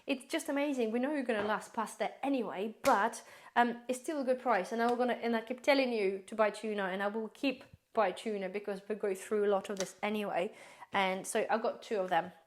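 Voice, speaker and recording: Based in the UK, a woman who vlogs about prepping chats casually and rambles through a grocery haul, calling her viewers "guys." Her voice is slightly hoarse, medium in pitch, steady in tone, and fairly quick.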